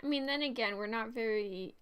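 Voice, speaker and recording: A woman's voice: a little high, fairly quick, clear, resonant tone. A woman playing a tabletop game, chatting casually in a blunt way. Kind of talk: casual chat.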